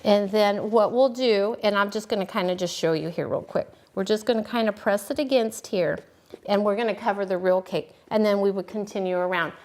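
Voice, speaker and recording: A woman cake decorating instructor giving a relaxed, folksy hands-on demonstration, talking as she works. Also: mid-range voice. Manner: folksy, relaxed, talks while working.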